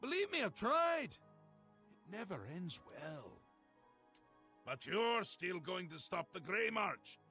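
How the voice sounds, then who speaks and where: A man's voice: very animated, slow pace, creaky, long pauses, sharp tone, faint music behind, exaggerated voice. A man playing a mad, theatrical ruler-god of madness in a fantasy game, flamboyant and mercurial, swinging between glee and menace. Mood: agitated. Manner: flamboyant, swinging from gleeful cries to low menace. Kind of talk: fantasy game character acting.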